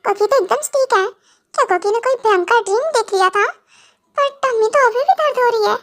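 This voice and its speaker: A woman's voice: extremely high pitch, brisk. A young woman voicing a naive, childish young wife in an amateur audio drama, whiny and speaking of herself in the third person. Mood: confused.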